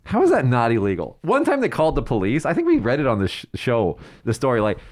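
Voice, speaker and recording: A hungover man chats as a talk show co-host. He tells stories loosely and with a joking streak, often circling back as he looks for the right word. His pitch sits in an ordinary middle range for a man. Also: huge pitch swings, fast, a little mellow. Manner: rambling, searches for words, jokey. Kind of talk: casual chat, storytelling.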